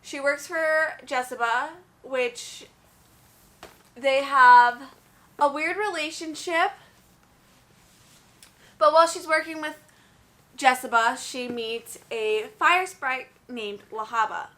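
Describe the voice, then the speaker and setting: A woman's voice: high-pitched, slow, long pauses, sharp tone. A young woman chatting casually about books in a review vlog, gushing and full of "like"s. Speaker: book reviewer.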